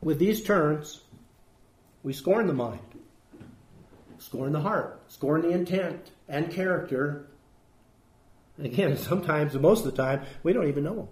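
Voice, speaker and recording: A man's voice: on the high side, a little slow, pauses often, darkish tone. A man preaching a sermon as pastor, emphatic and putting rhetorical questions to his congregation. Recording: echoey room.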